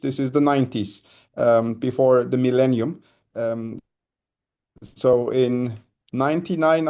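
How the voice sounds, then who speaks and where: Measured man in his fifties. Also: mid-range voice, darkish tone. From Germany. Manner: measured, pauses with frequent ums and uhs. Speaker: guest, company co-founder. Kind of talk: podcast interview.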